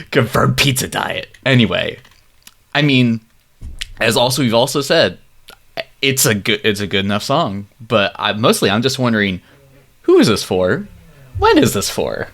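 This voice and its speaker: A man's voice: mid-range voice, very animated, a little slow, gravelly, pauses often, a bit bright. A man in his thirties co-hosting a music podcast, playful and laughing through his sentences. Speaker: podcast co-host. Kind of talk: casual chat.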